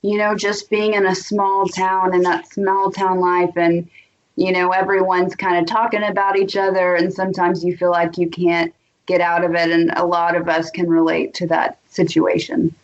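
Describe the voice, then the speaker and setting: A woman's voice: fairly low pitch, level tone, normal speed. A woman from Tennessee with an American accent, chatting casually as an interview guest. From Tennessee, United States. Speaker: guest singer-songwriter. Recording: dull, lo-fi audio.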